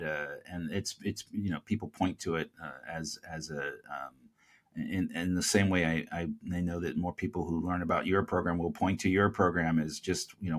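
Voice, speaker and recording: Deep-voiced host asking winding questions. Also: male voice. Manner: halting, many fillers, long winding questions. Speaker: podcast host. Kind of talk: interview questions.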